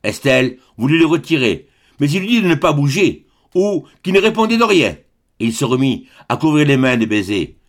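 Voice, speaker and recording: A man reading a literary story aloud in a measured, expressive narration. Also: on the high side. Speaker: audiobook narrator.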